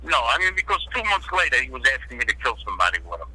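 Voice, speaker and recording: A man's voice: medium pitch, big pitch swings, rapid-fire, sharp tone, poor audio. A man telling blunt, streetwise stories as a guest in an interview, swearing freely. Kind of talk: storytelling in an interview.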